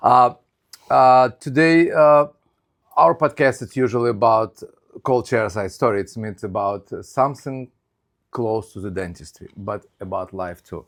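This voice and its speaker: A man's voice: medium pitch, measured pace, gravelly. A man with a Ukrainian accent hosting a podcast in a casual interview style. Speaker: podcast host.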